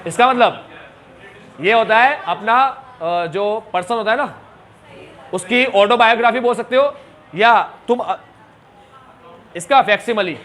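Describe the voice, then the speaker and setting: A man's voice: high voice, unhurried, long pauses, fairly bright tone. A man teaching a class, chatty and joking, mixing Hindi and English terms. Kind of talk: classroom lecture.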